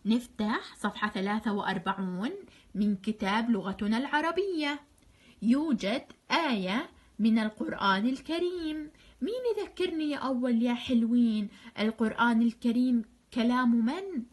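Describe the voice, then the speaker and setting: A woman's voice: fairly high pitch, normal speed. A woman teacher with a Jordanian accent reviews grammar for first graders, praising them often and stretching out example words. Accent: Jordanian Arabic. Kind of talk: recorded online grammar review lesson.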